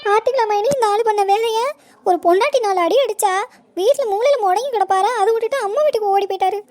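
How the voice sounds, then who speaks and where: A woman voicing a bossy, whiny young wife in a cartoon comedy, pleading in a shrill, whining way. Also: fast, darkish tone. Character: bossy, whiny young wife who beats her husband. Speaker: visiting sister-in-law.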